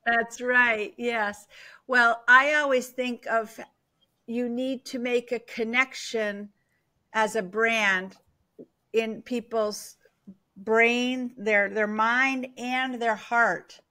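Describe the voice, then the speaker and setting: A middle-aged woman hosts an interview over a webcam call from her office. Her voice sits a little high, and she keeps a friendly, affirming tone as she chats with her guest. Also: fairly even intonation, extremely slow, bright, forceful tone. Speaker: podcast host. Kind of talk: casual interview chat. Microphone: video call webcam.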